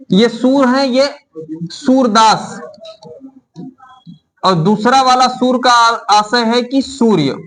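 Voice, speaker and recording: A middle-aged man teaching a classroom lesson, explaining slowly and dictating notes for students to write down. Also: sits high, rough recording. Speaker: Hindi teacher. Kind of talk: classroom lecture.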